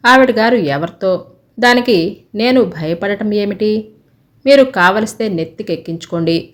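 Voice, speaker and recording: A woman voicing an arrogant, sharp-tongued young woman who speaks scornfully, in a narrated story. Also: mid-range voice, lightly acted. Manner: scornful, cutting.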